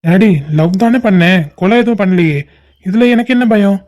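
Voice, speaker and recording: A man plays a young cartoon son who stands up to his father, firm and defiant. The voice sits fairly high and sounds mellow. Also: normal speed, close to an everyday voice. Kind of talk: cartoon family drama voicing.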